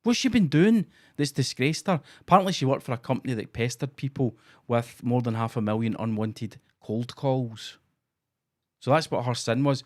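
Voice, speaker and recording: A man's voice: medium pitch, normal speed. A Scottish man co-hosting a podcast, telling sweary stories in a sardonic, casual way. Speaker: podcast co-host. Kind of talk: casual comedy chat.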